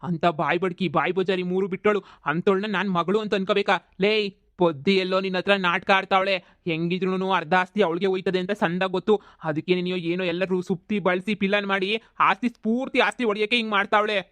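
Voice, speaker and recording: A man voicing a bullying, foul-mouthed middle-aged village landlord who shouts insults and threats, in a comedy cartoon. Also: sits high, fairly even intonation, brisk, no echo. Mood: angry, threatening.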